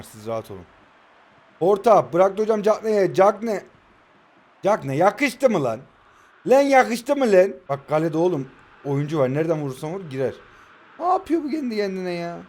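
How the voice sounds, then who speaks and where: A man in his twenties from Turkey giving excitable live commentary over his own mobile football match, shouting player names and swearing playfully at the game. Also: high voice. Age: 20s. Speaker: mobile football gaming YouTuber.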